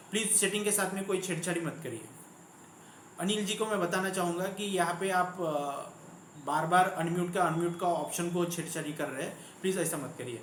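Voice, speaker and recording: A man's voice: sits high, fairly bright tone. A man coaching an online class, telling a story at length and repeating phrases, with many fillers. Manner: repetitive, storytelling, frequent fillers. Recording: echoey room, faint background hum.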